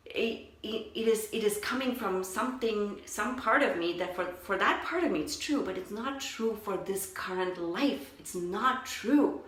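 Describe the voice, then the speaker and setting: A spiritual coach with a fairly low-pitched, fairly bright voice chats casually on a livestream, reflecting as she answers her viewers. She's talkative and thoughtful and says "like" a lot. The room sounds echoey.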